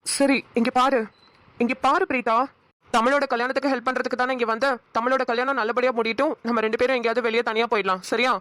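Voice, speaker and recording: A woman plays a gentle young cartoon husband in a somewhat high voice, quick and reassuring. The sound is close and dry. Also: steady tone, dry recording, natural voice. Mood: soothing. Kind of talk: cartoon voice acting.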